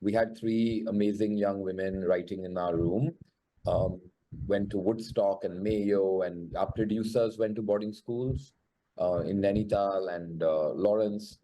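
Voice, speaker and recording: A man with a posh, educated Indian accent speaks in a low, relaxed voice. He is articulate and reflective, giving a thoughtful interview answer about his craft as a writer. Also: unhurried, low-quality recording. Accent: educated, posh Indian English. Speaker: screenwriter and show creator.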